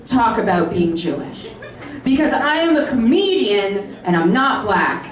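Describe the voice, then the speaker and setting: An unhurried, sing-song, mid-range voice drives a brash, sarcastic stand-up set by a woman in her thirties. It's recorded from a distance on a comedy club stage, with room echo and a live audience laughing.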